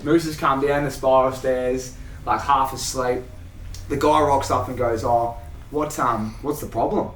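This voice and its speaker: A man's voice: medium pitch, steady tone, a little slow, fairly bright tone. A young Australian man hosting a casual chat, telling a story with lots of laughs and swearing. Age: young adult. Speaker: host. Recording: roomy sound, mic at a distance, faint hiss.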